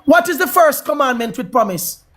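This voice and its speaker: A man's voice: very high-pitched, lively intonation, normal speed, pushed and bright. A man with a Jamaican accent hosting a livestream, delivering a preachy, repetitive, heated monologue. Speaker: livestream host.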